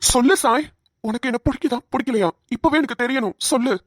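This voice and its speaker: A woman's voice: on the high side, quick pace, breathy edge, no echo, studio quality. A woman voicing a demanding young man. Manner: pleading, then demanding. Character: insistent young man pressing for an answer. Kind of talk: cartoon voice acting.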